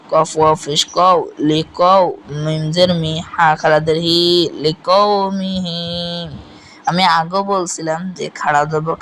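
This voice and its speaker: A man teaching Quran recitation, spelling out letters and vowel marks, then reciting each word slowly and repeating it. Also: on the high side, a bit bright, a little hiss or hum, low-quality recording. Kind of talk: step-by-step recitation lesson.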